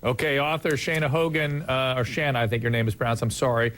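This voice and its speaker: Male TV host, mid-pitched, earnest, stumbles and restarts while steering a panel. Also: little pitch movement, fairly bright tone. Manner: earnest, halting with frequent restarts. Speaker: TV talk show host. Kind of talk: broadcast panel discussion.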